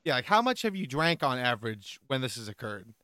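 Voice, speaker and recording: A man's voice: mid-range voice, sing-song, fairly quick, a crowd in the background. A man from the Midwest chatting on a group call, easygoing and asking teasing questions. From American Midwest. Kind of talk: casual chat.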